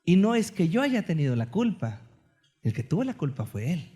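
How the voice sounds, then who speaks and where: Brief: Mexican male preacher, 30s, bright high voice, playful storytelling sermon. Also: normal speed. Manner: animated, joking storyteller.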